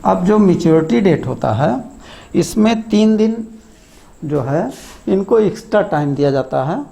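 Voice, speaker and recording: A man's voice: high-pitched, lively intonation, measured pace, gravelly, mellow. A man teaching a commerce lesson, who repeats key terms and quizzes the listener. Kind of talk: classroom lecture.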